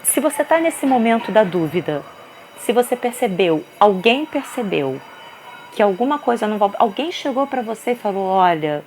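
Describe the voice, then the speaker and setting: A woman's voice: mid-range voice, moderate pace, a little hiss or hum. A woman in her thirties with a Brazilian Portuguese accent, a mother earnestly telling her own story to the camera, restarting often. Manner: earnest, animated, many restarts and repeated fillers. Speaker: vlogger mother sharing her experience.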